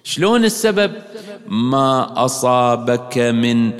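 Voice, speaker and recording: A man delivering a sermon in a reverberant mourning hall, his voice carried on a long echo. He speaks at a middling pitch and drives his points with emphatic rhetorical questions that leap upward. Each claim is pressed home with force. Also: sing-song, takes it slowly. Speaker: preacher.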